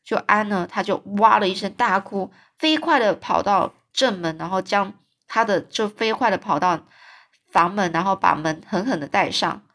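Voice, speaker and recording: A woman's voice: mid-range voice, animated, moderate pace, fairly bright tone. Rambling casual woman storyteller. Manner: rambling, self-correcting, filler-heavy. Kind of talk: casual retelling of a novel.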